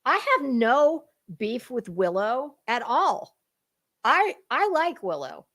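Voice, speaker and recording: A woman with a high, sing-song, fairly bright voice gives a casual, dramatic monologue like an online commentator. She speaks haltingly and emphatically, pausing deliberately and repeating words.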